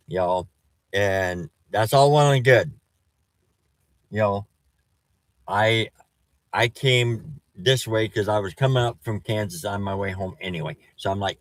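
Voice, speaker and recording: A man with a slightly low voice talks slowly through a casual storm-chasing weather update. His s sounds whistle from false teeth. He is halting, often restarting mid-thought, and the sound is dry with little room to it. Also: dry recording, low-quality recording.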